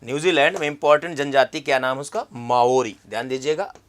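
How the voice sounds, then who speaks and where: A man's voice: a little high, fast, fairly bright tone. A man teaching an exam-prep geography lesson, repeating key terms and quizzing the viewer with questions.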